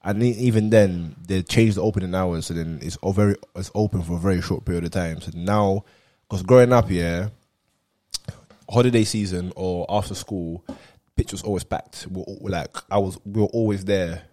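A man's voice: low-pitched, steady tone, moderate pace, dark tone. A young man with a London roadman accent, chatting casually with friends in street slang. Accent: London roadman, multicultural London street. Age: young adult.

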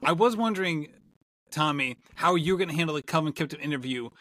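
High bright man, dry joking. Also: lively intonation, fairly quick, dry recording. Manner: dry mock-serious joking. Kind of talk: casual chat.

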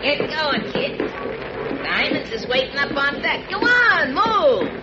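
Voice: sits high, sing-song, takes it slowly, over loud music, exaggerated voice. An actor playing a menacing male gangster henchman, curt and bullying, in 1940s radio style. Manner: curt, bullying, tough-guy slang. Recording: very noisy muffled old radio recording.

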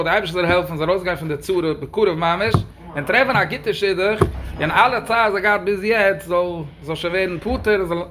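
A man's voice: high voice, noisy background. A man giving a religious question-and-answer talk, speaking emphatically with sudden raised stresses.

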